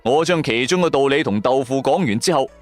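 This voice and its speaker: A man with a Cantonese accent narrates a first-person audio drama in a colloquial, theatrical storytelling style over background music. His voice is mid-range and his pace fairly quick.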